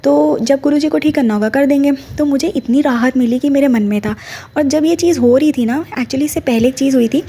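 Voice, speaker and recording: A middle-aged woman talks through a devotional testimony in a mellow, somewhat high voice. She tells her story earnestly and often turns to address her listeners directly. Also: a little fast. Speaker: devotee sharing a personal experience.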